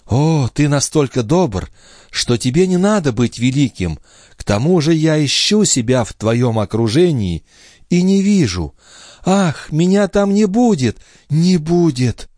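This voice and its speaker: A man voicing Lorenza, a passionate, sorrowful young clairvoyant wife, in a high, imploring, tearful tone in an audiobook reading. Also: big pitch swings, unhurried, a little mellow, dry recording, clean studio sound.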